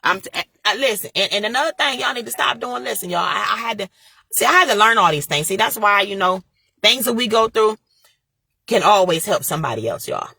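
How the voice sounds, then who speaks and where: A young woman's mid-range voice is animated and fairly quick, with vocal fry and a pushed, bright, slightly rough quality in a dry recording. She's a motivational vlogger preaching impassionedly to her viewers, hammering home repeated phrases.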